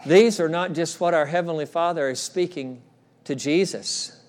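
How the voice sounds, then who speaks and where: Man, middle-aged, pastor preaching, earnest, repeats phrases, slightly high-pitched, church sanctuary. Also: moderate pace. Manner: earnest, repeats phrases, drops soft for quoted words. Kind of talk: sermon.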